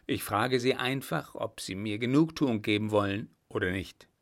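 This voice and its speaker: A man's voice: on the low side, moderate pace, close to an everyday voice. A man reading aloud, voicing a proud, hot-tempered young nobleman who talks indignantly and demands satisfaction.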